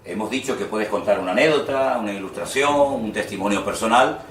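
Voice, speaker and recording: A man's voice: lowish voice, a little fast, fairly bright tone, a little hiss or hum. Guy pastor teaching how to preach, drives points home, roomy echo, sounds a bit far from the mic. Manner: emphatic, instructive, repeats key words. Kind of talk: homiletics class lecture. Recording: echoey room, mic at a distance.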